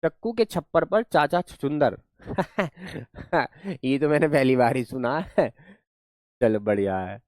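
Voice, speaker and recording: A man's voice: medium pitch, slow pace, dry recording, clean studio sound. A man teaching a grammar lesson, encouraging the class, repeating sounds again and again and praising answers. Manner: lively, encouraging, drills sounds by repeating them.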